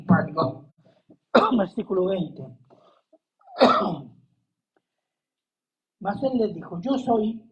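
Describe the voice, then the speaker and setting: Slow Chilean preacher, muffled recording. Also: mid-range voice. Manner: conversational, asks the audience questions, coughs often. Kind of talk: Bible study sermon. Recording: dull lo-fi recording.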